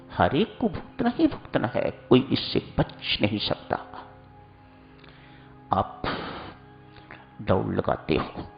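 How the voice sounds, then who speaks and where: Male preacher, unhurried and teaching, pitch rising and falling widely. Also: vocal fry, dull audio. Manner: slow, instructive, addresses listeners as seekers. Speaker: spiritual preacher. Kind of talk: sermon.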